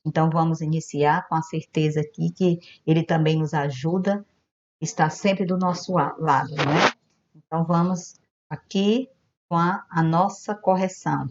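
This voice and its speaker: A patient woman teacher from Brazil talks young pupils through a recorded lesson, slowly and gently checking each answer. Her voice sits a little low, and the recording sounds dull and lo-fi, like a home video. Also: fairly even intonation, slight background noise. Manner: gentle, patient, explains step by step. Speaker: primary school teacher.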